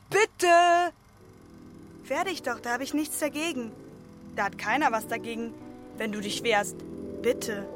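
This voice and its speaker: Brief: actress as a desperate woman repeating her demand; fairly high voice, faint music behind. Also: close to an everyday voice. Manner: insistent, repetitive. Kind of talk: stage monologue.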